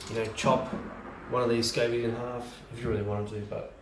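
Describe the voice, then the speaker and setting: Fairly quick and mid-range with little pitch movement, the home brewer rambles through a casual, unscripted how-to packed with ums and restarts. A camera mic placed at a distance gives a roomy sound with noticeable background hiss.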